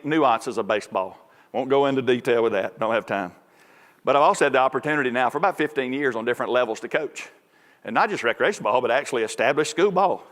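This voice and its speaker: A man preaching a sermon as pastor, moving from folksy storytelling into loud, fervent preaching. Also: medium pitch. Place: large church sanctuary. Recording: reverberant church hall.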